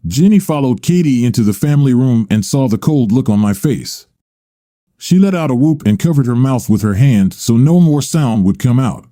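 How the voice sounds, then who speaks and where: A man narrating a first-person story and reading every character's lines in much the same even voice. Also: medium pitch, no echo, studio quality.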